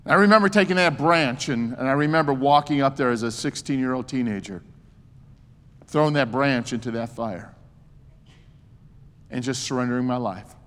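A man's voice: mid-range voice, normal speed, long pauses, a bit bright. Older man preaching in a reverberant hall. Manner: emphatic preaching with joking asides. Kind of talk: sermon.

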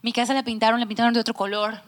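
Talking very fast in a fairly high, level voice, a woman who sings in church worship tells church staff an emotional personal testimony in a relaxed setting. Every so often her voice sinks to nearly a whisper.

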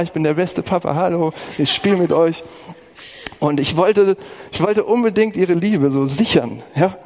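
A man's voice: mid-range voice, darkish tone, long reverb tail. A middle-aged man preaching a sermon as pastor, talking earnestly and personally, with emotional outbursts.

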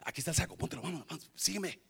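An urgent angel, as a preacher puts him on, coaxing a sleeper awake in hushed, hurried words. The voice stays close to the man's own bright tone. It sounds like a sermon scene told aloud. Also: a little high, gravelly, breathy edge, exaggerated voice. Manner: hurried, coaxing, partly whispered. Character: urgent male angel waking a prisoner.

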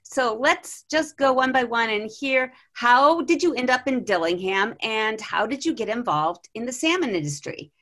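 A woman hosting a podcast, reading guest introductions in a measured way and then asking questions. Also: on the high side, expressive, a bit bright. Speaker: podcast host.

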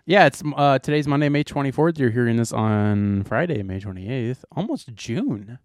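Young male podcast co-host, teasing, animated delivery, dry mic. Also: mid-range voice, moderate pace, no room sound. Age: 20s. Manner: joking, teasing. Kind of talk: casual chat.

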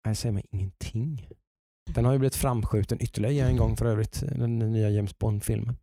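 A man with a low, gravelly voice and a dark, mellow tone talks in a relaxed podcast chat. He hesitates often, restarts his sentences and drops English phrases into his talk. The sound is close and dry. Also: no echo. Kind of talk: casual chat.

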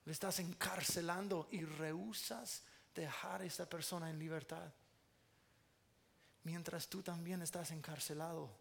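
A man's voice: on the high side, steady tone, measured pace, vocal fry, a bit bright. A man preaching a sermon as pastor, earnest with playful asides, speaking Spanish with an American English accent.

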